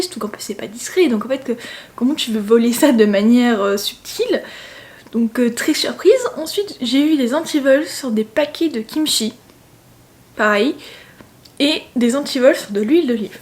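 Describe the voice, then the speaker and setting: A young French woman with a fairly high voice chats casually as a travel vlogger. She tells stories in an animated, chatty way, sprinkling in playful asides.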